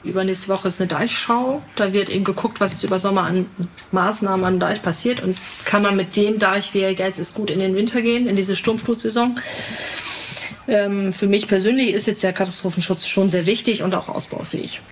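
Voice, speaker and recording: Woman interviewee, earnest, matter-of-fact, mid pitch, faint background noise. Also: steady tone, brisk. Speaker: interviewee, local resident. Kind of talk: casual interview.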